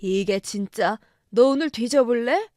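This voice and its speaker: A drunk, bullying middle-aged husband snaps and shouts with bitter scorn in a story radio drama, as a woman puts him on. The sound is dry and close. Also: on the high side, normal speed, dry recording, natural voice. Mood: scornful.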